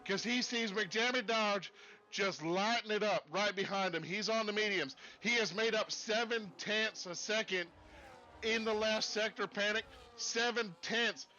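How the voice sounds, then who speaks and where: A man commentating a sim race in a put-on Texas accent, folksy and excitable. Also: sits high, measured pace, highs cut off, slight background noise.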